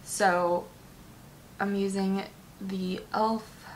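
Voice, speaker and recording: A woman's voice: medium pitch, little pitch movement, very slow, a little hiss or hum. A young woman talking casually to her phone camera in a vlog, chatty, with lots of fillers and the odd swear word. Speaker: vlogger. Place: gym, then at home.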